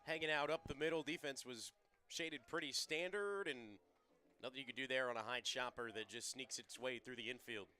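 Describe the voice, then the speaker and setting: Bright-voiced young man giving color commentary. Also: medium pitch, fairly quick, smooth. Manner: relaxed analytical remarks on stats and defense. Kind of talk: live radio baseball commentary.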